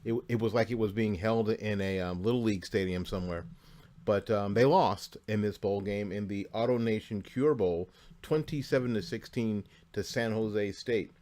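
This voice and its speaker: Man, sports show host, somewhat low voice, chatty, studio talk, filler words. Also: moderate pace, dark tone. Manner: chatty, recites bowl scores with asides and fillers. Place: studio near Tampa Bay.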